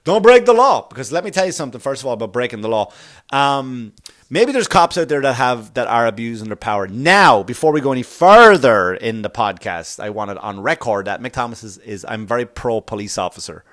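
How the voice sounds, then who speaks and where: A man's voice: medium pitch, big pitch swings, a little fast, fairly bright tone. A man from Ireland, hosting a podcast in a blunt, profane, rambling comedic monologue full of restarts. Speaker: podcast host.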